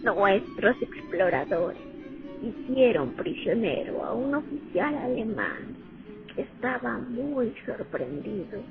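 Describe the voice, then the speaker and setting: In a radio drama, a woman plays a haunted young female sniper looking back on the war, speaking slowly and dramatically with wide swings in pitch. The audio sounds thin and phone-like, with music beneath it.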